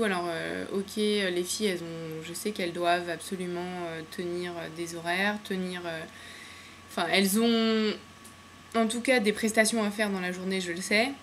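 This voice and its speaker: A woman's voice: mid-range voice, fairly bright tone, slight background noise. A woman chatting casually and enthusiastically in a home video, full of fillers and slang. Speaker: beauty vlogger. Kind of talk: casual nail polish haul chat. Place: home room with windows open to the street.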